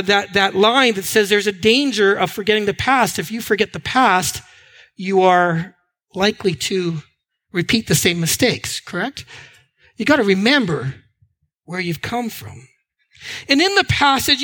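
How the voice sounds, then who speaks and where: A man's voice: sits high, sharp tone. A man preaching a sermon as a pastor, earnest, and now and then repeating words.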